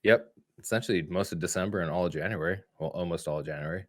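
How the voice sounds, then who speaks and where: A man's voice: deep voice, fast, dry recording. A man co-hosting a casual cooking podcast, joking around and laughing often. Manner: jokey, laughs often, lively delivery. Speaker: podcast co-host. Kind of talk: casual chat.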